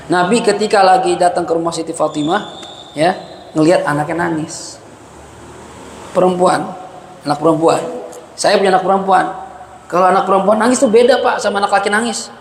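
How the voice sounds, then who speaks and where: High-voiced man teaching in an echoey mosque. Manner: chatty and lively, mixes Arabic citations with casual slang and chuckles. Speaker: ustadz teaching a mosque study session. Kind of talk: colloquial religious lecture answering a question. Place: mosque hall. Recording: echoey mosque hall, faint background hiss.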